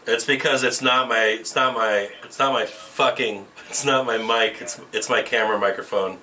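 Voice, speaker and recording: A man talking bluntly on a livestream, his voice thin and tinny as if from inside a tin can. The camera mic sits a little away from him, giving a sharp, distant edge. He swears freely and keeps restarting his sentences. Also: medium pitch, steady tone, moderate pace, a little hiss or hum. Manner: profane, blunt, restarts often. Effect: tinny tin-can sound from a camera mic. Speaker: livestream trading host. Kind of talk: casual livestream chat.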